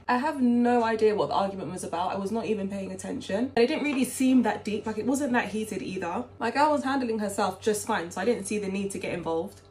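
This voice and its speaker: A young woman from England with a London accent, telling a casual storytime and saying 'like' a lot. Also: medium pitch. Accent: London English. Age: young adult.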